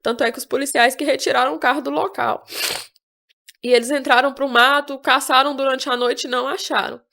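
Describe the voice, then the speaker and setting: A woman's voice: sits high, fairly even intonation, fairly quick, vocal fry, bright, forceful tone. A young woman from Brazil, telling her own story in an interview in plain rural speech. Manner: plain rural speech, quotes others as she retells. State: tearful at times. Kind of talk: personal testimony.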